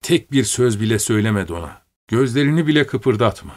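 A man's voice: medium pitch, expressive, a little fast, close to an everyday voice. A man voicing a bold young nobleman who speaks firmly and gives commands. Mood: commanding. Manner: firm, commanding delivery.

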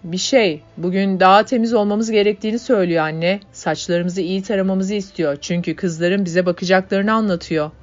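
A woman voicing a young male worker who talks in a sweet, soft-spoken way. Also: mid-range voice, fairly even intonation, moderate pace, hardly any pauses, lightly acted. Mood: gentle. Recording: dull lo-fi audiobook, faint music.

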